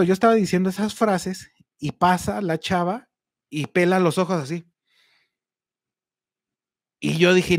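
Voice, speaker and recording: Mexican guy telling stories on his podcast, slightly high voice, dry close sound, cusses a lot. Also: dry recording. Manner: swears freely, acts out angry phone rants. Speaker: podcast host. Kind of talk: casual storytelling.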